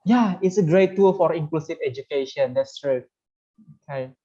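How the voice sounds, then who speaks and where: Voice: mid-range voice, moderate pace, dark tone. An English teacher, giving a casual, chatty online teaching demo with many fillers. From Indonesia. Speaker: webinar presenter, English teacher. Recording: dull lo-fi webinar audio.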